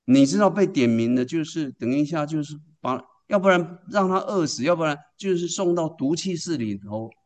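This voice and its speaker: A man's voice: on the high side, expressive, normal speed, few pauses, darkish tone. A man preaching a sermon. He tells the story emphatically and keeps asking the congregation questions, then answering them himself.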